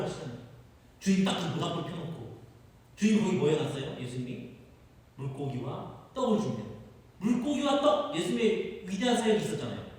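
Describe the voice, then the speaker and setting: A man's voice: high voice, darkish tone. A male pastor preaching a sermon, often asking the congregation questions and acting out quotes, heard far off in a chapel hall. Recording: echoey hall, far from mic.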